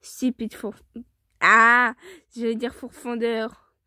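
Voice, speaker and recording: High-voiced woman stumbling through a reading. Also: normal speed, no echo, studio quality. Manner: stumbling, self-mocking, laughs at her own slips. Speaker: fan fiction reader. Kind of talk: casual reading aloud of a fan story.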